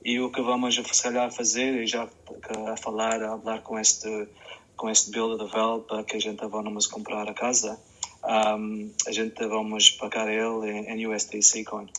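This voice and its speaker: A man hosting an online chat in a low, level voice with little rise and fall. He talks in a halting way and often repeats words. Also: monotone, fairly bright tone, poor audio. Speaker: show host.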